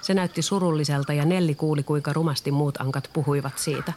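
A storyteller reading a children's storybook aloud in a calm, even way. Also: medium pitch, a little hiss or hum.

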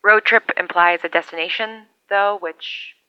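A woman's voice: on the low side, steady tone, measured pace, clear, resonant tone, no room sound, dull audio. A woman playing a wry, lonely survivor who rambles into a two-way radio, heard through it. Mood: hopeful. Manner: rambling, self-deprecating, wry. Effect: transmitted over a two-way radio. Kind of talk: audio drama monologue.

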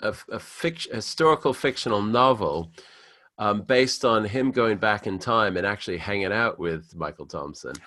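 A man's voice: lowish voice, animated, normal speed, bright, forceful tone, dry recording, clean studio sound. A man co-hosting a podcast in casual chat, teasing and joking. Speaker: podcast co-host.

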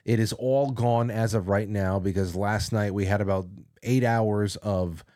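Smooth radio host, male, lowish voice, dry close sound, easygoing call-in chat. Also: fairly even intonation, unhurried, dark tone, no room sound. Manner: conversational, with frequent fillers. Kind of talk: casual talk radio, reading chat and taking calls.

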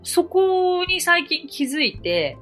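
Very high-pitched and very animated, this woman from Japan takes her time explaining English phrases on the podcast she hosts as an English teacher. She's chatty and encouraging, drawing on everyday examples, with a slightly bright tone and faint background music.

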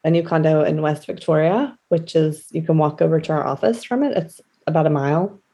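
A woman's voice: deep voice, a little fast, mellow. A woman chatting casually as a podcast co-host, rambling through anecdotes. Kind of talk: casual chat.

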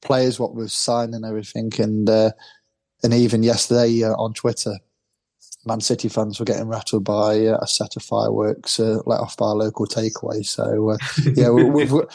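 A man's voice: on the low side, level tone, moderate pace, creaky, darkish tone. A man co-hosting a football fan podcast, chatting casually and rambling, with repeated words and easy laughs.

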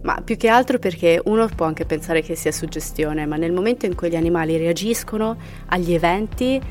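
Woman, low-pitched voice, horror-story podcast host, whispers for eerie parts, music playing behind. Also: fairly quick. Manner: animated reactions, laughing, dropping to whispers for eerie parts. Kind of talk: reading listener horror stories.

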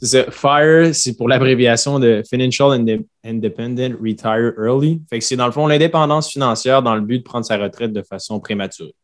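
A man co-hosts a casual podcast about money. He speaks in a relaxed way and often slips in English words. His pitch is in the middle range for a man. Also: moderate pace, hardly any pauses. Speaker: podcast co-host.

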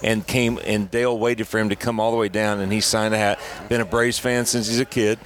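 A man's voice: lowish voice, little pitch movement, a little fast. A man from the camp staff chatting in an interview, rambling and repeating himself as he talks. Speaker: fantasy camp staff, co-host. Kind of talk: casual interview chat.

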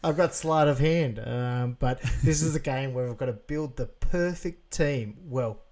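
A man's voice: mid-range voice, a little slow, a little mellow. A man with an Australian accent, casually co-hosting a sports chat show and agreeing easily with his co-host. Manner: laid-back, agreeable, runs a game segment. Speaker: podcast co-host.

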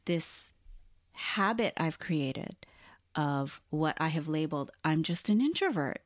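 A woman's voice: sits low, slow, no echo, clean studio sound. A woman from Hawaii co-hosting a podcast in casual chat, acting out voices as she tells stories. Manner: animated storyteller, acts out quoted voices. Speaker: podcast co-host.

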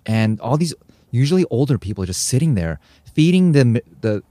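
A young American man co-hosts a podcast, chatting casually and telling animated stories full of acted-out sounds and quotes. His voice is medium-pitched and a little fast, with no room sound.

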